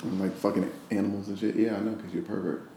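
A man's voice: fairly low pitch, level tone, fast, gravelly, warm tone. A man from Georgia with a Southern accent, teasing and arguing in casual banter with his partner. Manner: teasing, argumentative, laughs often. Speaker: comedian, podcast co-host. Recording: echoey room.

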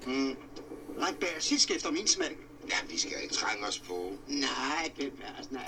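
A dry, formal film character. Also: male voice, medium pitch, big pitch swings, pushed and bright. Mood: dryly formal. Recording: film soundtrack with clear background noise.

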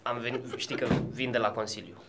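A man's voice: mid-range voice, steady tone, very noisy, natural voice. A man improvising a stern, dismissive male hedgehog council member in a comedy sketch. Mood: curt. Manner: blunt, dismissive, officious. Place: podcast studio.

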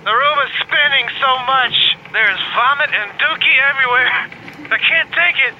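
A man's voice: very high-pitched, moderate pace. A man voicing a hungover, rambling reporter who groans and answers with puns. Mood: groggy. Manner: groaning, dazed and punning. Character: hungover, rambling, punning goofball male reporter. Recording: dull, lo-fi, faint noise.

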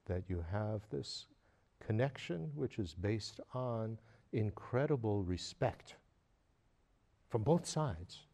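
A man giving a Buddhist teaching, talking in a loose, hesitant way with many pauses and fillers, often chuckling as he tells stories. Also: fairly low pitch, creaky, mellow. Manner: storytelling with frequent chuckles. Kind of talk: dharma lecture.

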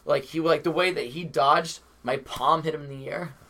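Bright-voiced comic telling a rambling story. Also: male voice, fairly high pitch, steady tone, moderate pace. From Massachusetts. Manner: rambling, swears constantly, full of "like". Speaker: stand-up comic, podcast guest. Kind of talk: casual chat, storytelling.

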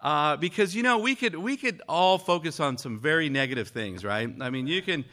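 A man from Mexico giving a conversational church sermon, earnest and halting as he speaks. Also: on the high side, animated, bright, forceful tone. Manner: earnest, halting with frequent fillers. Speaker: pastor.

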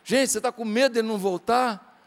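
A high-pitched man preaches a sermon, slipping into little acted exchanges with his flock and rising into fervent calls to action. His voice rings with the long reverb of a church hall. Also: a little fast, creaky. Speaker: pastor.

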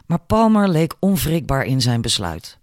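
A man reading an audiobook in a measured, expressive storytelling manner. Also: mid-range voice, dry recording, clean studio sound. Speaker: audiobook narrator. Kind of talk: scripted narration.

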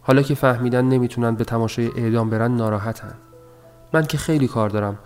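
A man's voice: mid-range voice, steady tone, a little mellow, soft background music, lightly acted. A man doing a weary, nervous housewife. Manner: thin, dull voice, trailing off. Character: worn-out young housewife, nervous and dull.

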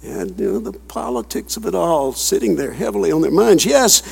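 A man with a high, gravelly voice preaches with great animation, swinging widely in pitch as he reads scripture and breaks off into chuckling asides. His tone is husky rather than clean. The sound rings out with a long reverb, as in a big church hall. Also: moderate pace. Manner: animated, chuckling asides, asks the congregation questions. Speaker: pastor. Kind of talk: expository sermon reading and commenting on scripture.

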